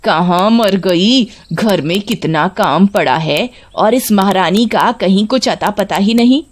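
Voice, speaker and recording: A woman voicing a cruel middle-aged mother-in-law who scolds in a harsh, drawn-out way in a storybook tale. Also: mid-range voice, close to an everyday voice. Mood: scolding.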